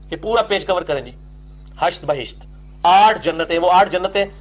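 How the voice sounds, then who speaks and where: High-voiced man lecturing emphatically. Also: expressive, moderate pace. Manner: emphatic, argumentative, often asks and answers his own questions. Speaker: religious lecturer. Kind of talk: religious lecture to an audience.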